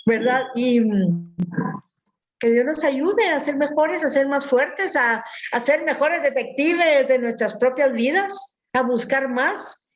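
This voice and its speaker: A woman giving a motivational talk, animated and laughing at herself, acting out the voices she quotes. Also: high voice, slow pace. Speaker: speaker. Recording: dull lo-fi sound.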